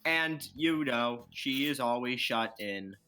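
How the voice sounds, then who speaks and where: A man's voice: mid-range voice, animated, slow, bright, forceful tone, faint music behind. A man voicing a scheming old man who pretends to be a cheerful elderly customer, with sly, mock-robotic threats. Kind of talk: fan comedy dub.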